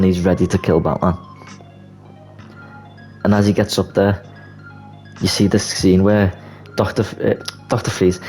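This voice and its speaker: Deep-voiced young man rambling. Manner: rambling, leans on "like" fillers. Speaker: video creator. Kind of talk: casual movie commentary. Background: soft background music.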